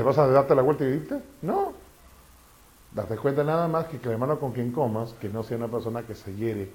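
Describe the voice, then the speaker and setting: A man preaching a sermon, often asking the congregation questions. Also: medium pitch. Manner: animated, asks the congregation questions.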